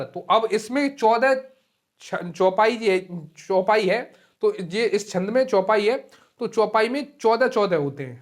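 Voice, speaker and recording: Casting note: male teacher in an exam-prep lecture, patient, repetitive, drags vowels out to demonstrate them. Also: sits high. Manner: explains slowly, repeats key terms and keeps saying "ठीक है". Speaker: Hindi teacher.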